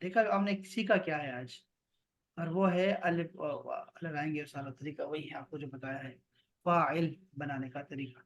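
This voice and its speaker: A man teaching an online Arabic grammar class over a video call, explaining and slowly repeating words for his students. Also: fairly high pitch, steady tone, highs cut off.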